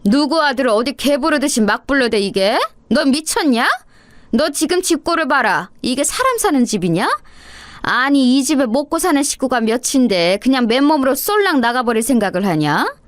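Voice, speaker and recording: A woman voicing a bossy older mother-in-law who yells and scolds her daughter-in-law. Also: high-pitched, moderate pace, dry recording, voice pushed up. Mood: furious scolding. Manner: scolding, yelling insults.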